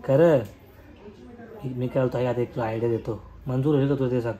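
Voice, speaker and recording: A man's voice: medium pitch, steady tone, quick pace, mellow. Pleading young man on a prank phone call. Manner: pleading, persistent, teasing. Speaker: prank caller, video host.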